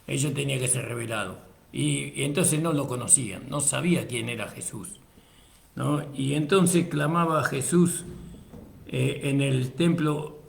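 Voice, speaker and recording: A man preaching a sermon, reading scripture aloud and calling his listeners brother, lifting his voice for emphasis and then dropping low. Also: a little slow, vocal fry, roomy sound. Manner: addresses listeners as brother, frequent praise interjections.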